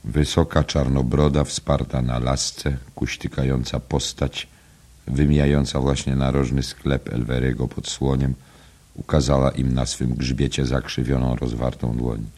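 Extremely deep-voiced male narrator. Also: little pitch movement, a little slow, darkish tone. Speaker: audiobook narrator. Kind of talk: literary narration.

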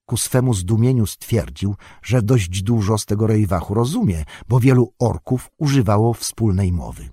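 A low-pitched male narrator tells a fantasy tale with expressive, lively intonation. The reading is measured and close-miked, with a dry, deadened sound. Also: breathy edge, no echo. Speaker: audiobook narrator. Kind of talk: scripted narration.

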